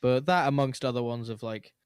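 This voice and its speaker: A man's voice: medium pitch, fairly quick, clear, resonant tone, dry recording, studio quality. A young man hosting a podcast, telling stories in a rambling, laid-back way with lots of fillers. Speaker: podcast host. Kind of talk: casual chat, storytelling.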